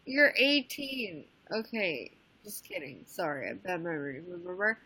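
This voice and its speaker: Bright-voiced woman in her twenties. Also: lowish voice, expressive, a little fast, husky, no room sound, rough recording. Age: 20s. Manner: blunt, swears freely, squeals in disgust. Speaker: livestream host. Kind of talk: casual livestream chat.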